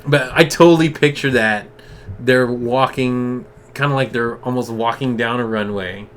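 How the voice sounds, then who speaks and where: A man's voice: mid-range voice, normal speed, a bit bright, slight background noise. A man co-hosting a casual comic book discussion, enthusiastic and slangy. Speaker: comic book podcast co-host. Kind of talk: casual chat.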